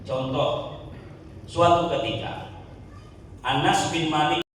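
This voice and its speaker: A man preaching a sermon in a lively, joking way, sometimes chanting his phrases. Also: fairly high pitch, slow pace. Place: mosque. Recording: echoey hall from far off, faint noise.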